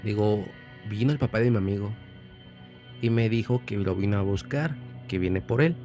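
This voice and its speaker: A man's voice: on the low side, normal speed, dark tone, soft background music. Mexican man telling a story casually. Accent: Mexican Spanish. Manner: chatty, repeats phrases while recalling.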